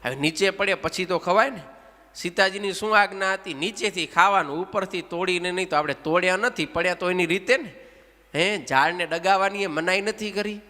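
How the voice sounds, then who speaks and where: A man's voice: high voice, a little fast, in a large hall. A man animatedly reciting a devotional story, asking his listeners questions and leading the chanting. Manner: animated, asks the audience questions, leads chanting. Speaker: religious storyteller.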